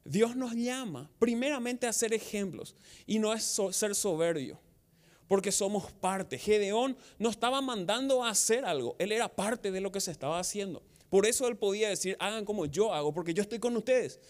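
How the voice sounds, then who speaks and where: A man's voice: sits high, animated, normal speed. A man with a Paraguayan Spanish accent preaching a sermon as pastor, asking the congregation rhetorical questions and acting out quotes. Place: outdoor church service.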